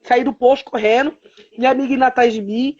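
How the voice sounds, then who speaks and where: A woman's voice: fairly high pitch, fairly even intonation, quick pace, darkish tone, dull audio. A woman telling her own story as a mother in a live stream interview, with hesitant fillers and quoted dialogue. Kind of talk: emotional personal testimony on a live stream.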